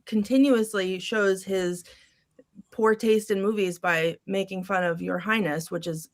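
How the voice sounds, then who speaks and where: Brief: woman, podcast panelist, reads quotes quickly, casual, lots of ums. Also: mid-range voice, steady tone. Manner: reads lines briskly with many ums and small laughs. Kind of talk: casual chat, reading movie quotes aloud.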